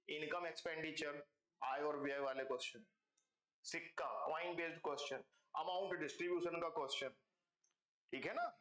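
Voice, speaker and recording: In an echoey room, a man with a high-pitched, slightly bright voice teaches math online step by step. He checks in with students again and again, calling them kids with words like "beta" and "bachcho."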